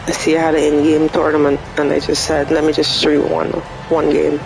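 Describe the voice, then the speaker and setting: Streamer, female, down with flu, flat rambling chatter, fry in the voice, noisy background. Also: sits low, brisk. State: sick with the flu. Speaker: gaming streamer. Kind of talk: casual livestream chat.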